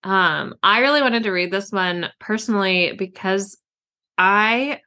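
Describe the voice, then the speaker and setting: A woman's voice: mid-range voice, a little slow, pushed and bright. A woman co-hosting a podcast about books, chatting in a bubbly way with many fillers and giggles. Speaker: podcast co-host, author. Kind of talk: casual chat.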